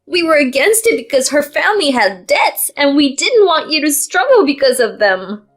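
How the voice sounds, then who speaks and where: Older mother, woman narrator voicing, shrill and scolding, pitched very high. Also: big pitch swings, moderate pace. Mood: indignant. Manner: shrieking, scolding.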